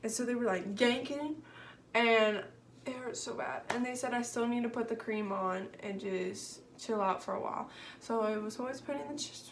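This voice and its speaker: A woman's voice: a little high, normal speed, noisy background. Exasperated young woman telling a story. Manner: animated, exasperated, filler-heavy storytelling. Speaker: vlogger. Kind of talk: storytime vlog.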